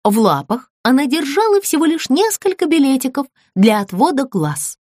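A woman narrating a children's audiobook, expressive and animated. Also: high voice, normal speed, dry recording, clean studio sound.

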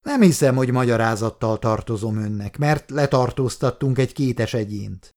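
A man's voice: mid-range voice, darkish tone, lightly acted. A male reader voicing a stern, guarded army officer who speaks curtly. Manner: curt, authoritative. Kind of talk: audiobook dialogue.

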